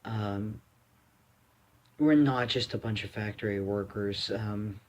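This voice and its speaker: A man's voice: fairly low pitch, slow, darkish tone. A young man from the United States giving a rambling, blunt opinion monologue, full of fillers and restarts. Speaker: vlogger.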